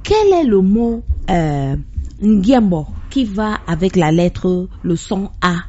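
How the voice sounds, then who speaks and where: A woman host leads a radio language lesson, speaking slowly and carefully. She repeats words back to get the pronunciation right. Her voice comes through with a dull, lo-fi radio sound. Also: medium pitch, big pitch swings, mellow.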